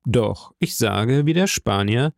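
A man's voice: medium pitch, expressive, takes it slowly, creaky, no echo, clean studio sound. A man voicing an earnest, heartfelt young army captain.

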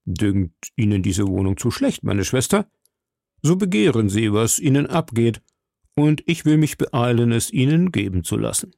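A man playing a coldly mocking aristocratic lord who speaks in a smooth, measured and sneering way. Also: mid-range voice, very animated, warm tone, no room sound, studio quality.

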